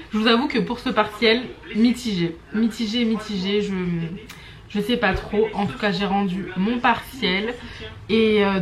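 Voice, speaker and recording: A woman's voice: mid-range voice, echoey room. A young woman, a student chatting casually in a home vlog with many fillers. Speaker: student vlogger. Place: home, indoors.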